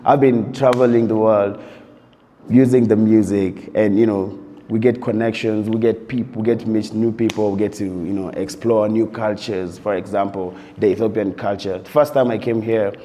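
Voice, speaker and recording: With a low, mellow voice at normal speed and a steady tone, a Ugandan DJ-producer loosely recounts his journey in an interview set during a tour abroad. "You know" recurs throughout his reflections, and the sound carries long reverb.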